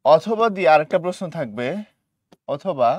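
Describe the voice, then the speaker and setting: A man's voice: fairly high pitch, animated, normal speed, dry recording. A young man teaching an exam-prep lesson, speaking colloquially, repeating key points and often checking that students understand.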